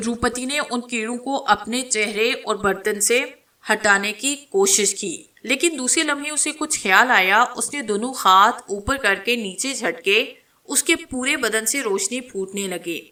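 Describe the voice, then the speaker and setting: A woman narrating a horror novel in a steady, dramatic reading style. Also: fairly high pitch. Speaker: storyteller.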